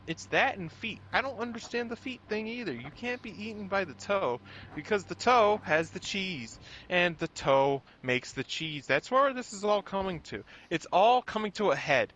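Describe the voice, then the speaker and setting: A young man streams a game and rambles through an absurd, meandering rant. His voice sits fairly high and sounds bright, and it swoops around wildly as he rambles. He keeps breaking into squeaky mock voices. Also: slight background noise, poor audio.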